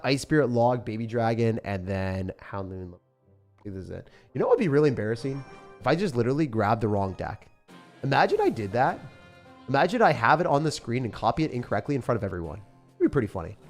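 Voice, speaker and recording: Here a young streamer talks casually over his game, joking around, reading chat messages out loud and saying things like "bro" and "man." He speaks at medium pitch.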